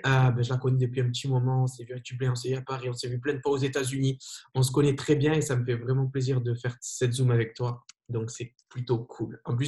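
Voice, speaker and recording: A man hosting an online training, introducing his guest with emphatic, energetic talk and repeated instructions. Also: mid-range voice. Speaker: host of a training call. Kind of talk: hyped-up webinar introduction.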